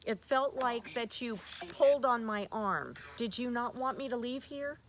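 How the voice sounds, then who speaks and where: A woman's voice: fairly high pitch, expressive, unhurried. A woman hosting a spirit box session, putting questions to spirits aloud and often repeating herself. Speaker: paranormal investigator host. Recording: noisy recording with clicks.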